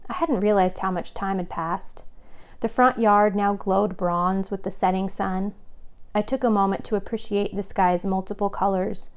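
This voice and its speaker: A woman reads her own mystery novel aloud in the first person. Her storytelling is clear and expressive. Her voice sits at an ordinary middle pitch. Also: moderate pace. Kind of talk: audiobook narration in first person.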